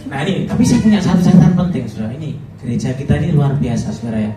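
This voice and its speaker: A man's voice: on the high side, expressive, rapid-fire, music in the background. A middle-aged man with a Javanese accent, preaching a chatty, humorous sermon as a pastor. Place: church hall. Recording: echoey hall, voice from far off.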